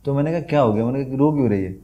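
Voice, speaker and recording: A man's voice: medium pitch, racing, highs cut off. A man guesting on a podcast, telling a funny story in casual chat and acting out the lines he quotes. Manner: animated anecdote, acts out quoted lines, laughs a lot.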